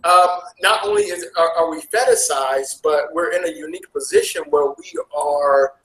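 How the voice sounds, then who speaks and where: A man with an American accent, talking casually as an interview guest, animated and jumping sharply in pitch. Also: moderate pace, reverberant, slight background noise, low-quality recording. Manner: animated, with big jumps in pitch. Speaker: interview guest, travel vlogger. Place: Asia.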